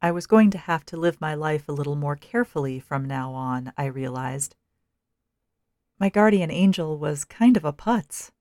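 A woman narrating a first-person story in a measured, dryly wry manner. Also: low voice, animated, darkish tone, no echo, studio quality.

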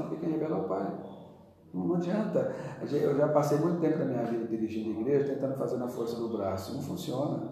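A man's voice: medium pitch, vocal fry, dark tone. A man who is a pastor with a Brazilian Portuguese accent, teaching earnestly and emphatically in a church interview. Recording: very echoey room, voice from a distance.

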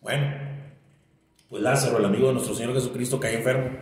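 A man's voice: mid-range voice, steady tone, quick pace. A man giving a conversational sermon, asking his listener "¿verdad?" and acting out the quoted lines. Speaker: preacher. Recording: very echoey hall.

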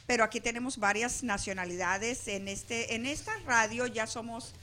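A woman's voice: on the high side, moderate pace, pushed and bright. A woman from Venezuela hosting a radio talk show in a studio, chatting loosely with many restarts. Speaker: radio host. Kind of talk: casual studio chat.

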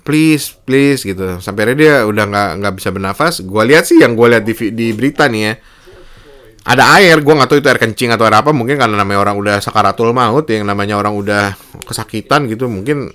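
A young man, telling a story in a casual monologue and voicing the people in it with a raised voice. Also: a bit bright. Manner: slangy Jakarta-style speech, acts out quotes in a high voice.

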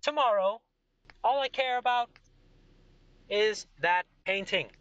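A man voicing a vain, greedy fantasy king who sneers and boasts in a loud, raised voice. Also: sits high, slow pace, clean tone, no echo, pitched above the performer's own voice. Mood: boastful. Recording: dull lo-fi sound.

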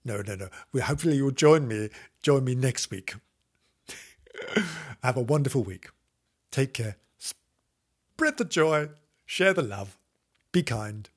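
A man's voice: mid-range voice, lively intonation, a little slow, long pauses, slightly rough. A man hosting his own podcast, chatting alone in a rambling, playful way and laughing often at himself. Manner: giggly, playful, talks to himself. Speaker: podcast host. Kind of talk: rambling solo podcast chat.

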